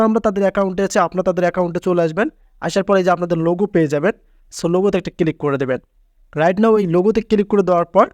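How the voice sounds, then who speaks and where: A man's voice: high-pitched, a little mellow, dry recording. A man hosting a screen-recorded app tutorial, talking insistently and stressing his points with repeated filler words. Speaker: tutorial channel host.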